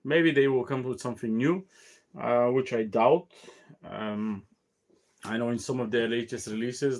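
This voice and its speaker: Halting, tired man hosting a cigar show. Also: on the low side, darkish tone. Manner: halting, many fillers and restarts. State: tired, yawning. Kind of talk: casual solo talk show.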